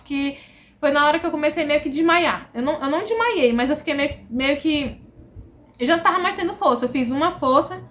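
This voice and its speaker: A Brazilian woman vlogger with a Brazilian Portuguese accent casually tells a personal story in a high, fairly bright voice. She's chatty and repeats herself, often checking in with "entendeu?".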